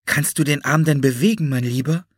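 A man voicing a kind, motherly nurse in an audiobook, gentle and soothing. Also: on the high side, brisk, husky, no room sound, clean studio sound, voice pushed up. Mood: caring. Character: kind, motherly nurse woman, calm and caring. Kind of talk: audiobook character voice.

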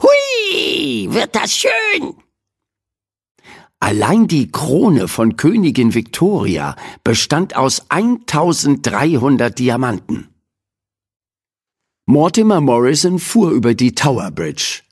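A man reading a children's audiobook aloud in an expressive storytelling manner. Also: mid-range voice, slow pace, husky. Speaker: audiobook reader. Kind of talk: scripted audiobook narration.

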